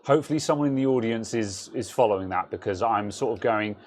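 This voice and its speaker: A man's voice: on the low side, fast talker, a little hiss or hum. A British man co-hosting a casual tech talk show, joking and laughing often as he chats with his co-host. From United Kingdom. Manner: jokey, laughs often, slips into silly voices. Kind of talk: casual banter.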